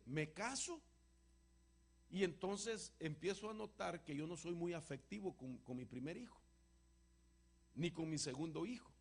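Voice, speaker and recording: Gravelly-voiced man preaching a testimony. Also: a little high. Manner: emotional storyteller, voice swings from loud to hushed. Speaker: apostle answering congregation questions.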